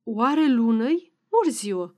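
A woman's voice: a little high, animated, darkish tone, natural voice. A woman voicing a grumpy, sleepy old peasant man in a read-aloud novel. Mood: grumbling.

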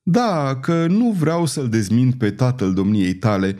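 A scheming old queen mother, bitter and grave, speaking in a slow, measured way, as a man puts her on for an audiobook. The tone is mellow and dark, and her pitch sits a little higher than the reader's own. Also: expressive, lightly acted. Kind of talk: audiobook reading.

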